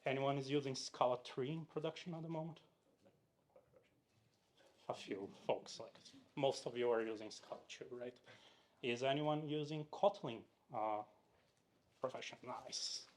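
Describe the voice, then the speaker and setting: Before an audience in a meetup room, a Brazilian man gives a casual technical talk as a conference speaker, chatty and full of fillers and restarts, often putting questions to the crowd. His voice is medium in pitch, measured in pace, with long pauses.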